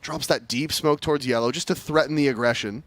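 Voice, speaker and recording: A man's voice: medium pitch, fairly even intonation, a little fast, fairly bright tone. A man working as an esports caster, explaining and calling live match action in short clipped phrases. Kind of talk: live esports analysis and play-by-play commentary.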